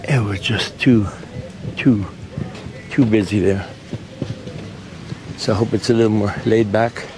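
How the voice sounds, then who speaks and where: A man's voice: on the low side, a little slow. Chatty man vlogging on a noisy street. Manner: relaxed, repeats himself, chatty asides to viewers. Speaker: travel vlogger. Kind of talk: casual walking vlog. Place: outdoors on sunny dirt streets of a small island town. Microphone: action camera held at arm's length while walking. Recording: outdoor camera audio with street noise. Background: street and vehicle noise.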